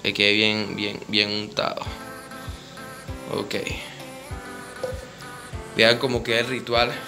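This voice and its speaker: A man's voice: fairly low pitch, flat delivery, slow. A man with a Venezuelan Spanish accent walks viewers through a spiritist ritual step by step. He keeps repeating his instructions and tells them to look. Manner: repetitive, directly instructing viewers. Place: indoor room with a home altar. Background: music.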